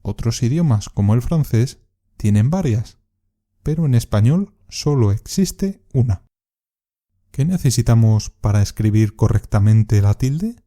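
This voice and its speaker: A man with a very dark, mellow voice teaches a podcast lesson at an unhurried pace. He reads from a script and leans hard on the stressed syllables of his example words so that learners can hear them. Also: medium pitch, expressive. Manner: measured, exaggerates word stress in examples. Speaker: Spanish teacher and podcast host.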